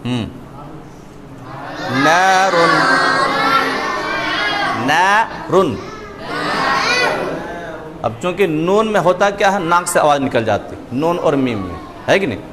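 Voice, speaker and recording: A man's voice: a little high, expressive, a little fast, few pauses. A man teaching Quran recitation, drilling syllables patiently and checking in with his students. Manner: patient, drills syllables, often asks "isn't it?". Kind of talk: reading lesson with drills. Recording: echoey room, faint chatter and noise.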